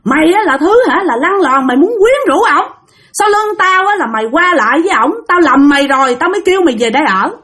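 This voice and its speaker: Woman doing a shrill furious jealous sister. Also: expressive, fast, a bit bright. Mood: furious, accusing. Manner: shrill accusing tirade.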